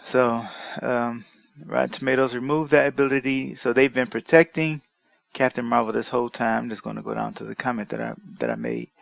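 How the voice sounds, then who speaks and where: A man with a gravelly, fry-laden voice reads an article aloud and rebuts it line by line, indignant and argumentative, often breaking off to restart his sentences. The sound is dry and a little dull, close to the microphone. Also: mid-range voice, lively intonation, a little fast, no room sound. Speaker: commentary vlogger.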